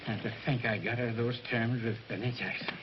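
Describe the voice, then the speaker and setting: An actor playing a flustered middle-aged record company boss who blusters and coaxes, in a 1940s film. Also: male voice, mid-range voice, fairly even intonation, fairly quick, noisy background, close to an everyday voice. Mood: coaxing. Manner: blustering, then coaxing. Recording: dull 1940s film soundtrack.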